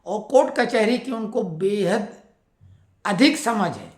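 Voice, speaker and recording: A woman's voice: medium pitch, lively intonation, slow pace. A woman hosting an informal news commentary for pensioners. She speaks conversationally, explains things at length and addresses her viewers directly. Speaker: channel host speaking to pensioners. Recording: echoey room.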